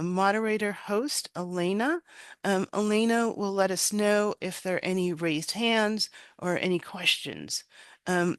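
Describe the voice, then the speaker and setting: Halting middle-aged woman hosting, very dry sound. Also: medium pitch, clean tone, no room sound. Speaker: webinar host. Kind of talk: hosting a webinar. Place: indoor video call. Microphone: headset.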